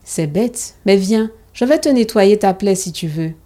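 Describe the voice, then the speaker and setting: A woman voicing a tall older schoolboy who is gentle and reassuring, in a storybook reading. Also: mid-range voice, lively intonation, unhurried, lightly acted.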